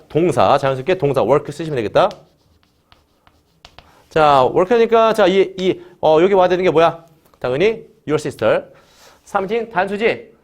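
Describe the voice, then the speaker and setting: Korean grammar teacher, prompting questions. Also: male voice, on the high side. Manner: prompts students with repeated "자" and quick questions; drills students, has them repeat after him. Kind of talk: online grammar lesson.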